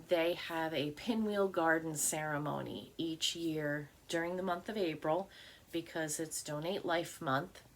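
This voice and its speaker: A woman's voice: fairly low pitch, a little hiss or hum. A middle-aged woman chatting casually about her stitching, rambling with fillers and restarts. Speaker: cross stitch vlogger. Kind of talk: casual chat.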